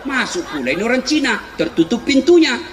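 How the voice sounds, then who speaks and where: A middle-aged man preaching a comic sermon, animated, often shouting and laughing through his punchlines. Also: extremely high pitch, brisk. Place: large hall with a live audience. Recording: echoey hall, faint crowd and noise.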